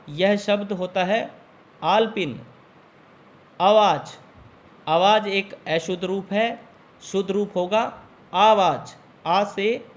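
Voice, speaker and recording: A man teaching a spelling lesson to exam students, saying each word slowly and repeating it with care. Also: high voice. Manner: slow, deliberate, spells words out and repeats them.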